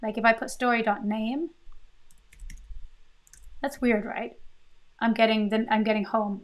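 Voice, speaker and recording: A woman's voice: fairly high pitch, steady tone, measured pace. A woman hosting a live-coding stream, thinking aloud in a casual, chatty way with fillers and restarts.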